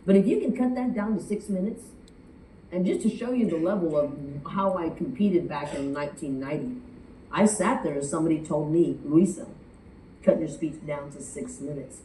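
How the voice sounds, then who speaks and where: A woman from the United States speaking to a contest audience as a judge, chatty and animated, acting out quotes. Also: lowish voice, normal speed, slight background noise. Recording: echoey room from far off.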